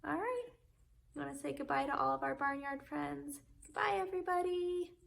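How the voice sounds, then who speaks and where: A woman librarian reading a picture book aloud to young children and leading an animal guessing game, in a gentle, playful storyteller manner. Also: sits high, creaky. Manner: slow, gentle, playful storyteller voice, leads sing-along games.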